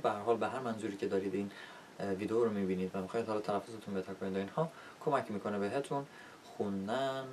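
Low-voiced man teaching pronunciation. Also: a little mellow. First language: Persian. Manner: demonstrates sounds by repeating words slowly. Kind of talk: spoken lesson. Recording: distant mic with faint rumble.

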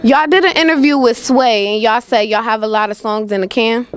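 A woman's voice: on the high side, a little fast. A teenage girl hosting a teen TV show, asking interview questions in a chatty, upbeat way. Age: teens.

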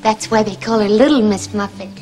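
A woman's voice: mid-range voice, brisk, a little mellow, faint music behind, lightly acted. An actress playing a bossy young travelling woman in a TV musical comedy, ordering her companion about in a dry way. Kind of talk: live-action TV musical comedy acting.

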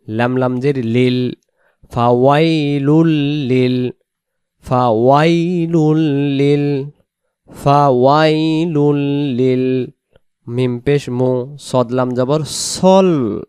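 A man gives a Quran recitation lesson, spelling out letters one by one and chanting the verses in long melodic phrases. His voice is smooth and resonant, and the delivery is very slow. The sound is dry, with no room echo. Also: medium pitch, a little mellow. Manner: spells out letters slowly, then explains quickly. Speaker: Quran teacher.

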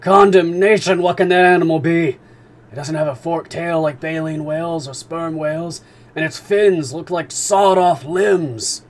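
A man reading aloud as an eager, blunt Canadian harpooner, speaking with rising excitement. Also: mid-range voice, moderate pace, hardly any pauses, pitched above the performer's own voice, lightly acted. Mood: excited.

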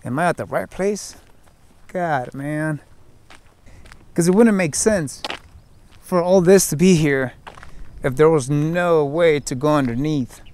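A man in his twenties with a voice on the high side but darkish in tone speaks slowly with long pauses. He's vlogging casually while exploring an open, brushy hillside, thinking aloud and talking to viewers through a handheld camera at arm's length.

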